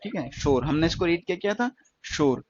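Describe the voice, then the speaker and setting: A man's voice: a little high, lively intonation, moderate pace, muffled recording, a little hiss or hum. A male teacher explaining stenography step by step, repeating words and asking his students questions. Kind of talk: classroom lesson.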